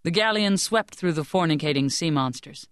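A woman narrates an audiobook in a measured, even storytelling manner. Her voice is smooth and resonant, set close to the mic in a dead, dry booth with no room sound. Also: low-pitched, no room sound. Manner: measured, even storytelling that lifts and sharpens for shouted lines. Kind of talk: scripted narration of a historical fantasy novel. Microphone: close studio microphone.

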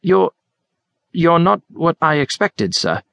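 A man's voice: on the high side, big pitch swings, takes it slowly, creaky, a bit bright, no echo, voice pushed up, full character voice. A man voicing a polite, hesitant young patient. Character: injured young man in a hospital bed, polite.

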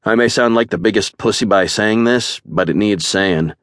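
A man's voice: lowish voice, normal speed, fairly bright tone, no room sound, studio quality, pitched above the performer's own voice, lightly acted. A man voicing a brash, foul-mouthed male warrior who talks bluntly and cracks wise. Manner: wisecracking, blunt.

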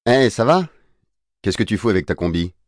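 A stern middle-aged father, worried and scolding, rising into an angry telling-off, as a man reads him in an audiobook. The voice is deep, and the recording is close and dry. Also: big pitch swings, moderate pace, no echo.

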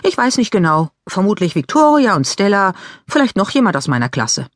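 A woman's voice: mid-range voice, sing-song, fairly quick, no echo, studio quality. A woman voicing an emotional teenage girl in an audiobook, pleading and upset. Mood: defiant. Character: upset teenage girl, ballet dancer on crutches.

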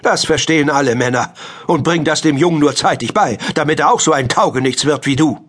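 A man's voice: fairly quick, fairly bright tone. A man voicing a stern, nagging old great-grandmother in a children's audiobook. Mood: scolding. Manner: shrill, nagging complaints. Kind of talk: audiobook character voice.

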